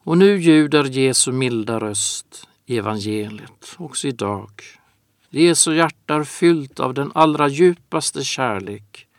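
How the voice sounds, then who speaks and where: A man preaching a sermon in a slow, earnest manner, drawing out his phrases. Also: medium pitch, animated, no echo, clean studio sound.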